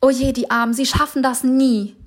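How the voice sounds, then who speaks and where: A woman's voice: high-pitched, animated, normal speed, fairly bright tone, voice pushed up. A woman voicing a gloomy crowd of frog spectators who cry out pityingly and discouragingly.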